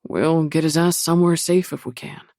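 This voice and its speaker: A woman's voice: low voice, fairly even intonation, moderate pace, creaky, warm tone, no echo, studio quality. A woman voicing a blunt, determined young man in an audiobook, speaking curtly.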